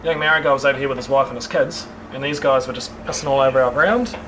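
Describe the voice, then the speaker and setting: Male witness, broad Kiwi accent, casual matter-of-fact talk, medium pitch, clear background hum. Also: fast talker. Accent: broad Kiwi (New Zealand). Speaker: service station worker, witness. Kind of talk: casual spoken account.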